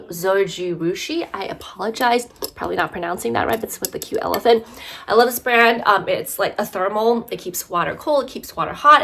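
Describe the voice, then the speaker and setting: Her voice is mid-range and a bit bright as this woman, a fashion vlogger, talks through a casual bag review. Allergies leave her slightly congested, and she rambles chattily, peppering her speech with fillers and "right?".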